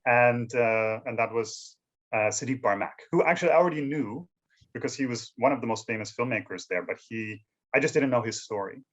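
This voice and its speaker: A man being interviewed as a filmmaker, talking in a relaxed, conversational way and often checking in with "you know" and "right?". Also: mid-range voice, brisk. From Canada. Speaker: filmmaker guest.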